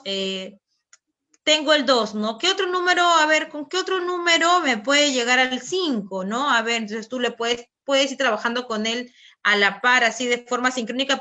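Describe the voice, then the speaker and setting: A woman's voice: fairly high pitch, sharp tone. A woman from Peru with a Peruvian Spanish accent, giving a conversational teacher training talk, full of fillers and tag questions.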